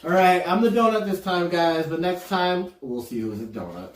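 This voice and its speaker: A man co-hosts a casual comedy podcast, joking and incredulous as he plays trivia. His voice swings widely in pitch. He sits some way from the mic, in a room with noticeable echo. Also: lively intonation, moderate pace, a little hiss or hum. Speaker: podcast co-host. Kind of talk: casual chat, trivia game. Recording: roomy echo, distant from the mic.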